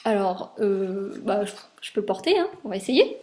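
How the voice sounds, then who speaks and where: A woman's voice: mid-range voice, sing-song, moderate pace, darkish tone. A young woman from France chatting casually about garments she sewed, with many fillers as she shows the details. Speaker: sewing vlogger. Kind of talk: casual chat.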